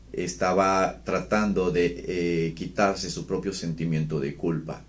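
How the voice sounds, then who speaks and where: A man with a deep, low voice speaks as a psychologist about raising children. He talks calmly and explains things step by step, often restarting his phrases and pausing on fillers. He sounds like he is in his thirties. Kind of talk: talking to camera about parenting.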